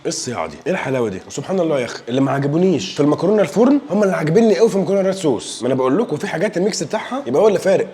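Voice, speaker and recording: A young Egyptian man talks through a food tasting in a casual vlog. His speech is very fast and his voice sits a little high. He jokes and gushes between bites, with a clear Egyptian Arabic accent. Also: darkish tone. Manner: playful, joking, enthusiastic tasting remarks. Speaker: food reviewer.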